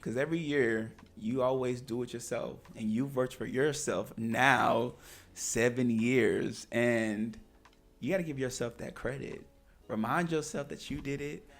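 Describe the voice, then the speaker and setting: A man's voice: mid-range voice, measured pace. A man co-hosting a podcast in casual chat, talking in an earnest, encouraging way. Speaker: podcast co-host.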